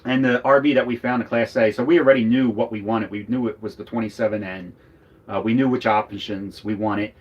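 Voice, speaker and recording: A man's voice: on the low side, steady tone, brisk, lo-fi sound. A man from Philadelphia with a Philadelphia accent, chatting casually on a livestream from inside his RV. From Northeast Philadelphia. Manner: rambling, chatty, joking. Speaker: RV vlogger, co-host. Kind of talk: casual live chat.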